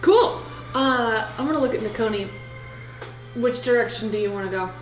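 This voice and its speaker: A woman's voice: fairly high pitch, normal speed. A woman playing a tabletop role-playing game, chatting casually and playfully at the table. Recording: echoey room with faint music.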